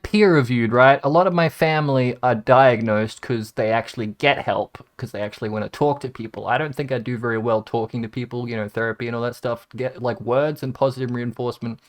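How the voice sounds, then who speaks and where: A man's voice: mid-range voice, a bit bright. A young man, a gaming content creator, telling a rambling, self-mocking story in casual chat to his viewers. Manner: rambling, jumps between tangents, wry and self-mocking.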